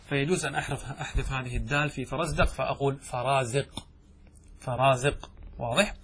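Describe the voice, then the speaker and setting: Husky fast-talking man teaching grammar. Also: on the high side, a bit bright. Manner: explains step by step, quizzes students with questions. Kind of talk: classroom lecture.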